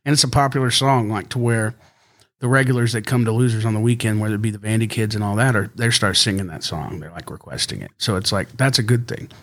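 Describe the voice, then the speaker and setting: Guesting on a podcast, this country singer with a high singing voice rambles easily and laughs a lot in a relaxed, easygoing manner. He talks at a quick pace, and his tone is fairly bright.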